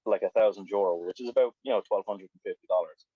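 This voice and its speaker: This biker from Ireland talks quickly in a lowish, husky voice, rambling on about motorbikes during a casual video call. He lets a swear word slip, then apologizes. The call audio is lo-fi and dull, without echo.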